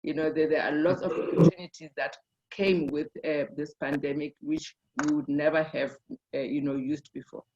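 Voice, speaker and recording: A woman's voice: low-pitched, fairly even intonation, moderate pace, a little mellow, a little hiss or hum. Thoughtful woman on a muffled call. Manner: thoughtful, with many fillers and restarts. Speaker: conference participant. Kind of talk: casual sharing in a group discussion. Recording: dull lo-fi online call audio.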